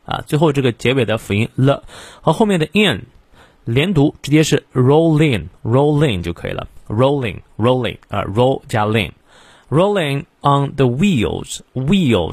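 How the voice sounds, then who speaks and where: A man teaching English in a morning reading lesson, explaining each word slowly and repeating phrases to drill pronunciation when he speaks English. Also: medium pitch, no room sound.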